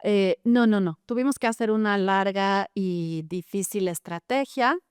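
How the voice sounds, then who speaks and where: A woman's voice: mid-range voice, a little slow, clear, resonant tone, no echo, clean studio sound. A middle-aged woman, a therapist telling her own story in an interview, earnest and full of tag questions. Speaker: gestalt therapist, guest.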